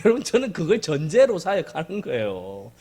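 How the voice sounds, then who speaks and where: Animated high-voiced male preacher. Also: a little fast. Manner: animated and emphatic, with jokes and repetition. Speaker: pastor. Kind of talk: sermon.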